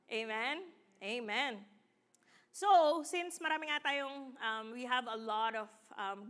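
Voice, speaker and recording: Bright, bubbly Filipino woman preaching. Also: on the high side. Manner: chatty, laughs often, asks the room. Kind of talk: sermon, Taglish. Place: church hall in Canada.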